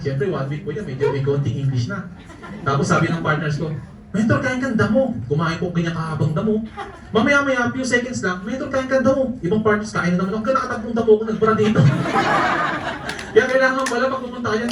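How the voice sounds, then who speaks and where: A man telling jokey travel stories to a live audience, laughing often as he speaks, recorded from a distance in an event hall. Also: sits high. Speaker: network marketing speaker. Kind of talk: storytelling talk to a live audience. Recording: echoey hall, distant mic, audience noise.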